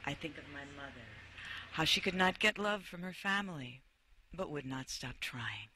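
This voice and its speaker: A woman's voice: low-pitched, lively intonation, normal speed, bright, forceful tone, slight background noise. A woman hosting an interview, playful and effusive, who also reads a passage aloud. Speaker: interview host. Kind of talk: casual interview and reading aloud.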